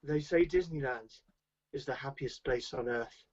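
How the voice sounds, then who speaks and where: A man's voice: medium pitch, measured pace, darkish tone, highs cut off. A man, a youth pastor, hosting a playful game show over a video call, teasing the others and handing out points. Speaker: youth pastor, stream host. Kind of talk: casual group chat, game hosting.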